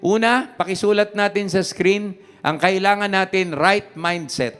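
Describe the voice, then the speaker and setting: A man's voice: high-pitched, unhurried, a bit bright, clean tone, long reverb tail. A man preaching a sermon as pastor, mixing Tagalog and English and leading the congregation in call-and-response. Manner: switches between Tagalog and English. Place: church.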